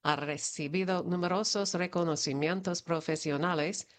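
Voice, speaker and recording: A woman reading news items in Spanish-language community news, in an even, measured delivery of prepared copy. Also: lowish voice. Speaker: news reader. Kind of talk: read news report.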